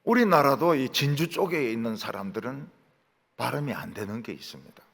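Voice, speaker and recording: A man's voice: mid-range voice, animated, fairly quick, gravelly, fairly bright tone. A middle-aged man from the Gyeongsang region with a Gyeongsang accent, preaching a sermon and telling stories while mimicking dialect words. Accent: Gyeongsang Korean. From Gyeongsang region, Korea. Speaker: pastor. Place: large church sanctuary. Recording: long hall reverb.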